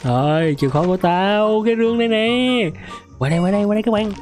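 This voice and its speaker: A hoarse young man with a sore throat, excitedly commenting on a mobile game he is playing, yelping and repeating words. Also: sits high, fast, faint music behind. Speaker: gaming streamer.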